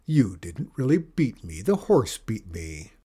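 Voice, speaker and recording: A man's voice: fairly low pitch, sing-song, measured pace, mellow, breathy edge, exaggerated voice. A man reading a storybook aloud, voicing a pompous, blustering male evil enchanter with an indignant manner.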